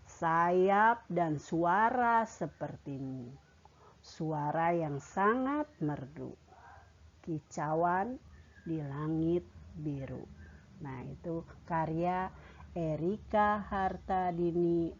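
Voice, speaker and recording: A woman teaching a primary class, repeating key words and stopping to explain each one. Her voice sits a little low, and her pace is unhurried. The recording is dull and lo-fi. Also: slight background noise. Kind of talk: online classroom lesson.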